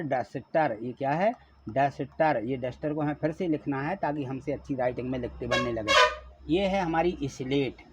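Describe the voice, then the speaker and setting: Man teaching in a husky voice. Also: on the high side, warm tone. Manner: spells words letter by letter and asks questions. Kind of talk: classroom lesson explaining a worksheet. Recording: dull lo-fi recording.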